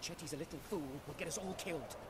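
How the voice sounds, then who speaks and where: A woman's voice: sits low, fast talker, background noise, close to an everyday voice. An actress playing a stern village mother scolding her child in video game dialogue.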